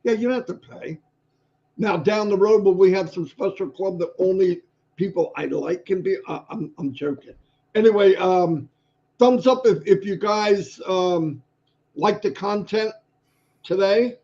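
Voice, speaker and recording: A man's voice: high voice, a little slow, darkish tone. Chipper older man, muffled stream audio. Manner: chipper, rambling. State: hoarse. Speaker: livestream co-host. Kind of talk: casual livestream chat.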